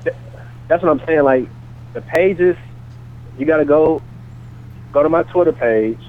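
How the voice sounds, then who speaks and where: A man calling in over the phone, talking in a casual, halting way that repeats words and leans on fillers. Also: on the high side. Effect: heard over a phone line. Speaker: caller pitching his book. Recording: tinny phone line with faint hiss.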